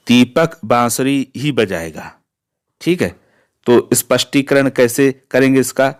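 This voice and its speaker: A man teaching a Hindi grammar lesson, explaining step by step and asking himself rhetorical questions. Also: mid-range voice.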